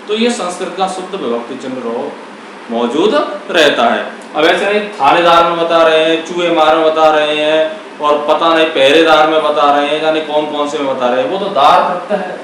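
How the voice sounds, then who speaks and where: A man's voice: on the high side, fairly bright tone, a little hiss or hum. A man teaching Hindi grammar, explaining it like a lesson and asking and answering his own questions. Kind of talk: classroom-style explanation. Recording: very echoey room, voice far from mic.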